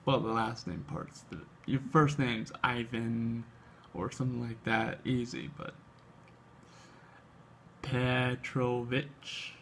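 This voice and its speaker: A man hosting a comic book show, reading aloud haltingly with casual asides, his speech slightly tripped up by an overbite. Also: medium pitch, steady tone, fairly bright tone, a little hiss or hum. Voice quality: slight speech impediment from an overbite, tongue flicking at upper lip. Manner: halting reading, stumbles and repeats words.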